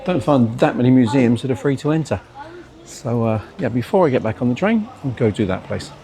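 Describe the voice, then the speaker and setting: A man chats to his handheld camera on a railway day trip, upbeat, easy and ready to laugh at his own slips. His voice sits at an everyday middle pitch, with a faint hiss of outdoor noise behind him. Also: animated, brisk, mellow. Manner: chatty, upbeat, self-deprecating. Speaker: travel vlogger. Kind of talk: casual travel vlog narration.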